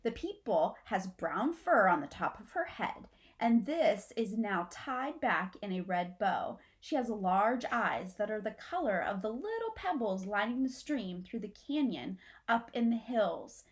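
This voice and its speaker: A middle-aged woman narrates a children's storybook at home in a small furnished room, reading expressively in a teacherly way as though young listeners were present. Her medium-pitched voice is sing-song and a little slow, with hardly any pauses.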